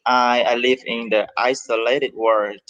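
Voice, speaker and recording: A man's voice: medium pitch, steady tone, a little slow, fairly bright tone. A man from Vietnam practicing English, speaking in a medium voice. He hesitates and restarts as he hunts for words. His audio comes through dull and lo-fi over the call. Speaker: English student.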